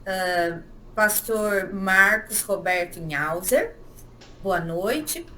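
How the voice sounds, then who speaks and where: Slow, measured woman introducing a guest. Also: mid-range voice, expressive, sharp tone, a little hiss or hum, low-quality recording. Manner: measured, polite reading. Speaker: interviewer. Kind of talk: formal guest introduction and question.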